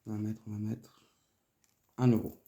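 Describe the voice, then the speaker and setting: A woman narrating her budgeting casually and counting aloud, haltingly, her voice thick and strained from swollen tonsils. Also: extremely low pitch, level tone, mellow. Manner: halting, murmuring to self while counting. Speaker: host of a budgeting video. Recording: noisy, with clicks and paper rustling.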